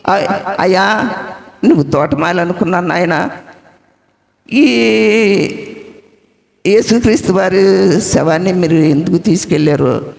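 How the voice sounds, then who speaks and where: Mary Magdalene, voiced by a gravelly woman preacher, pleading. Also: on the low side, unhurried, long pauses, darkish tone, in a large hall, pitched below the performer's own voice. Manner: pleading, respectful. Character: grieving woman at a tomb, pleading, tearful.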